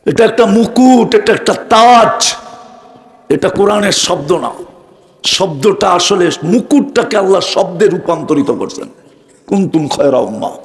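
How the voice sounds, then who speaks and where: A man's voice: sits high, lively intonation, a little slow. A man preaching a sermon, fervent and full of rhetorical questions put straight to his listeners. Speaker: Islamic preacher. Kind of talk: sermon to a live audience.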